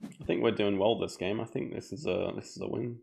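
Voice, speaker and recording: A man streaming a board game live, thinking aloud in a relaxed, chatty way. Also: fairly low pitch, fairly quick, gravelly. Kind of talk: casual live game commentary.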